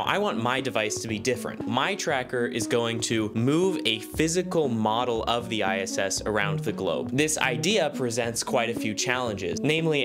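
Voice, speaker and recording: A young man narrating his own electronics build in a casual vlog, explaining steps with an upbeat, jokey manner. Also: medium pitch. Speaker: maker vlogger. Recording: music playing behind. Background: background music.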